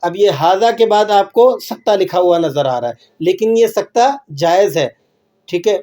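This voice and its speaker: A man from Pakistan teaching a religious lesson on pauses in Quran recitation, explaining patiently and often checking with his listeners. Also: sits high, dark tone. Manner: patient explaining, checks in with "right?", slow drawn-out recitation examples.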